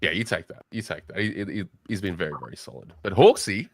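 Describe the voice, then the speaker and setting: A man's voice: low-pitched, quick pace, a crowd in the background. A young Australian man hosting a casual late-night fantasy football chat, joking and bantering with his guests. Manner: joking, banter-heavy, excitable. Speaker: podcast host.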